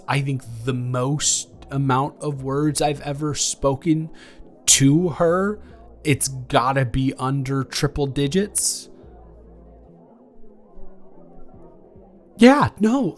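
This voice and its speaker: In an improvised romantic audio roleplay, a young man plays a flustered, awkwardly tender ex-boyfriend, halting and stammering as he rambles and corrects himself in flustered disbelief. His medium-pitched voice is lightly acted over background music.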